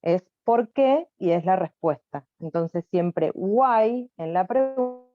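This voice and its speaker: A woman's voice: mid-range voice, animated, slow, no echo, phone-quality sound, soft background music. A woman with an Argentine Spanish accent, teaching English in an online class, explaining patiently and repeating herself with many fillers. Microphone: computer mic on a video call.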